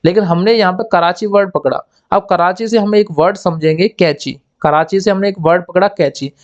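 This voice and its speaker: Male exam tutor, high voice, repeats and quizzes himself, slightly dull lo-fi audio. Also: a little fast. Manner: repetitive, asks and answers own questions; acts out little scenes in quoted voices. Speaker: exam coaching teacher. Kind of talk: explaining memory tricks.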